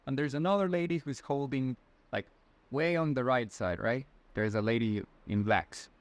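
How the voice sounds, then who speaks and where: A man in his twenties from Ecuador, speaking with a Latin American Spanish accent, answers interview questions as a guest in a casual, conversational way. He's friendly but hesitant, full of fillers and restarts. His mid-range voice moves at normal speed on a dry recording.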